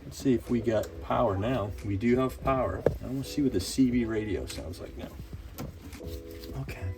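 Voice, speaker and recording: A man with a fairly low voice talks at a normal speed while hosting a DIY vlog in and around a camper van. He chats casually and rambles a bit as he works with his hands, with music playing in the background.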